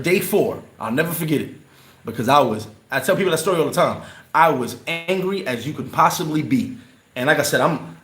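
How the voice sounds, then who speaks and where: A man's voice: fairly high pitch, fairly bright tone. A man hosting a casual livestream, answering his chat in a loose, rambling way and repeating words when he gets worked up. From New York. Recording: roomy echo.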